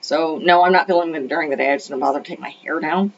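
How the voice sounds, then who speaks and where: Her voice sits low and moves fast, creaky with a little hiss or hum in the background. She's a middle-aged retired librarian and homeschool mom at home in Arizona, recovering from a cold that leaves her voice slightly off. She wanders through a casual movie review with lots of ums and restarts, captured on dull lo-fi audio.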